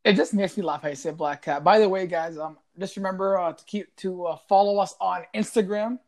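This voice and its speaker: A podcast co-host talks sports in a loose, casual way, filling every pause with "bro" and "like." The words come out fast. The pitch sits in a middle range. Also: fairly even intonation, a little mellow. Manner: loose and quick, lots of fillers like bro and like.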